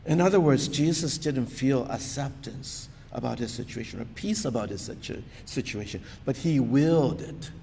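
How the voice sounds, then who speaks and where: A man's voice: normal speed, vocal fry, few pauses, dark tone. A man preaching a sermon in an earnest, conversational way, often asking rhetorical questions. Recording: long reverb of a large hall, faint rumble.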